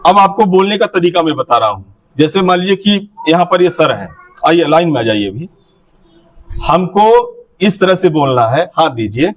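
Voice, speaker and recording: A man's voice: a little high, expressive, moderate pace. A man leading teachers through a classroom activity, giving step-by-step directions to a group in a hall. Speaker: teacher trainer.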